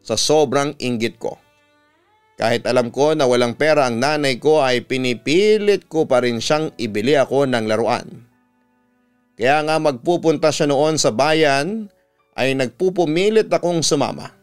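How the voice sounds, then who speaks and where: Speaking as a radio announcer, a man with a Filipino accent narrates a scripted story in a measured, clearly enunciated way. His voice sits at medium pitch, and a music bed plays beneath it.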